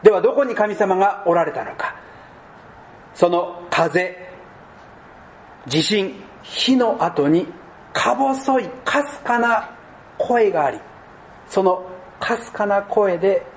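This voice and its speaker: A man with a high-pitched voice gives a deliberate sermon as pastor. He lets his voice sink soft and low to land his points. A faint hum of room ambience sits behind him. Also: lively intonation. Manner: slow deliberate preaching, dropping to soft low tones.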